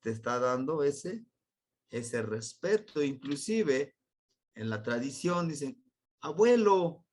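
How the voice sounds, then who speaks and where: A man's voice: animated, slow pace, slight background noise. A man with a Mexican accent teaching a Nahuatl language lesson in an unscripted, explanatory way, his voice leaping up on key words. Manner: patient, explanatory, voice leaps high on key words.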